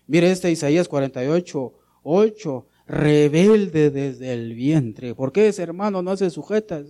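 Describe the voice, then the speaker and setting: Pastor, male, fairly high mellow voice, preaching with big loud-soft swings and rhetorical questions. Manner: calls listeners brother. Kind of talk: sermon.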